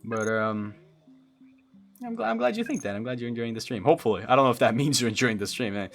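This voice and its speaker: His mid-range voice is expressive and slightly bright, and he talks fast. This young Brazilian streamer, a native Portuguese speaker, casually answers viewers while building a game creature, thinking aloud and frequently stammering and restarting over soft background music.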